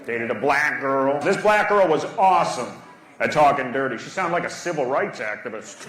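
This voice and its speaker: Man telling deadpan stand-up one-liners. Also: medium pitch, moderate pace. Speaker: stand-up comedian. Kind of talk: stand-up set.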